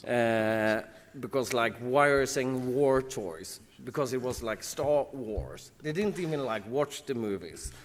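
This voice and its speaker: Speaking on a panel in a large convention hall, a jet-lagged man from Sweden talks in a relaxed way, his Swedish accent clear and his mid-range voice stopping and starting as he gropes for the right words. The hall's reverberation is audible.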